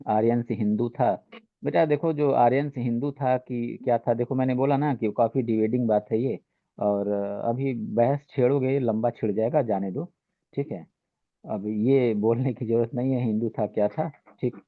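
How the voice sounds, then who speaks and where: A man's voice: medium pitch, fairly even intonation, moderate pace. Guy teaching a class, says theek hai every other line, sounds like it's over a phone, no room echo at all. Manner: repeats "ठीक है" constantly, asks and answers own questions. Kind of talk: exam-prep lecture in Hindi with English terms. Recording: dry, phone-like narrow sound.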